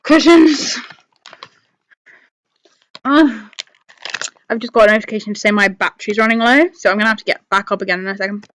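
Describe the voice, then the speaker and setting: A woman's voice: mid-range voice, brisk, pauses often, a bit bright, slight background noise. A woman hosting a live stream with casual, rambling chat to viewers, thinking aloud and often talking herself round. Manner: rambling, thinking aloud, changes own mind.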